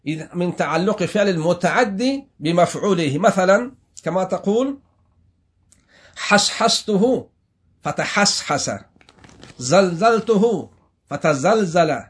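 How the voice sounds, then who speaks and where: A man from Afghanistan teaching a classroom lesson, who puts questions to his students, answers them himself and repeats the key words with halting restarts. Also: sits high. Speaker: religious teacher.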